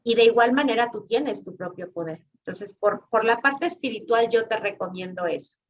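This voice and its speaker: A woman guest in a reflective spiritual conversation, giving calm advice and briefly agreeing with the host. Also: fairly high pitch, normal speed, dull audio.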